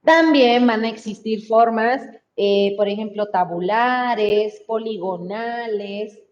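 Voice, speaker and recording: Woman, Mexican Spanish accent, slow patient biology teacher, muffled call audio. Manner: slow, explaining step by step, frequent checking "¿sí?". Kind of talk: online class lecture. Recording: muffled lo-fi mic with faint rumble.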